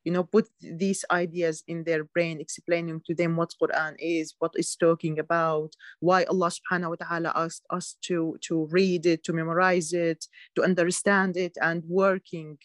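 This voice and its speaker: Woman from Syria, hesitant guest, halting speech, dry sound. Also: lowish voice, little pitch movement, no echo. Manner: hesitant, many restarts and fillers. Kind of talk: casual chat.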